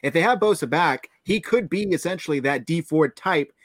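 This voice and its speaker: A man's voice: fairly high pitch, expressive, moderate pace, no echo. Male podcast co-host, dry close sound, enthusiastic with sarcastic asides. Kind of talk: casual sports chat.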